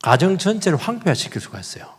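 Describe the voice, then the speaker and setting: A middle-aged male pastor, preaching an animated sermon and swinging between loud outbursts and hushed asides. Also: sits high, fast talker, husky. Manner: animated, acts out quoted voices, shifts between loud and hushed. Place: church sanctuary. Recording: long church reverb.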